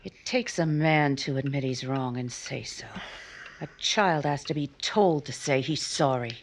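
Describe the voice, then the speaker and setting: An actress with a very deep voice plays a lonely woman, guarded and bitterly proud, in a romantic 1950s-style radio drama. Her delivery is measured, pointed, and probing, sounding hurt yet defiant, with a little hiss or hum in the recording.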